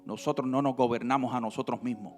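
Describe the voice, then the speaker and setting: A male pastor preaching a sermon, swinging between loud emphasis and quiet, drawn-out teaching. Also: mid-range voice, steady tone. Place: church sanctuary. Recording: reverberant hall with faint music.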